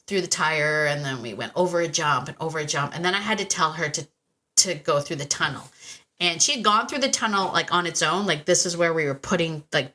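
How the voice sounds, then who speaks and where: A woman's voice: sits low, sharp tone. A woman dog trainer telling a story in a casual, chatty monologue, with many fillers and restarts.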